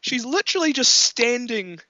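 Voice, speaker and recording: A man in casual film chat, animated, laughing often and acting out quotes. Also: very high voice, moderate pace, no echo, muffled recording.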